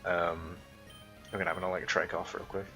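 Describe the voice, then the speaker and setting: Low-voiced rambling young man gaming. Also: level tone, brisk, over music. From Isle of Man. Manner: rambling, full of fillers, spins absurd made-up stories. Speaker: gaming commentator. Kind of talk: casual let's-play commentary.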